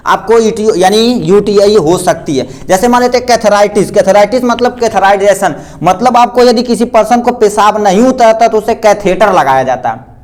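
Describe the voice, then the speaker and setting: High-voiced man drilling terms in a lesson. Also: normal speed, a little mellow. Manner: repeats questions to the class and answers them himself. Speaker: pharmacy teacher. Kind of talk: explaining lecture with a diagram.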